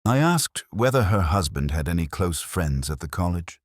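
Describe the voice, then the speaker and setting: Playing a weary, melancholy English police inspector, a man narrates his own mystery in scripted first person with an extremely low, husky voice full of lively pitch shifts. His delivery is measured, literary and brooding like a radio detective drama, the mood pensive, in clean studio quality with no room sound.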